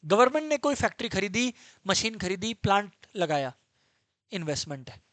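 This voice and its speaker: A man's voice: high-pitched, very animated, normal speed, a bit bright, no room sound. A man teaching an exam-prep lecture, emphatic and drilling terms over and over. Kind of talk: online lecture.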